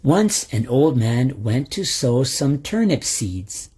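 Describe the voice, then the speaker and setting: A male storyteller reading a folk tale slowly and with much expression. His voice is husky, with a gravelly fry, and his pitch moves around in a lively way. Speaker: narrator.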